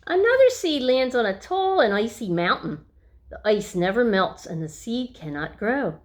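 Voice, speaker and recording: A woman reading a picture book aloud to young children, with expressive, deliberate storytelling and hushed little asides. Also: a little high.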